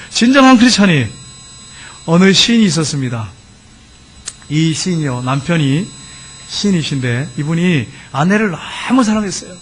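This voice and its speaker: A man preaching a sermon as a pastor, telling a story to his congregation and slowly reciting love poems with fervor. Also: high-pitched, a little hiss or hum.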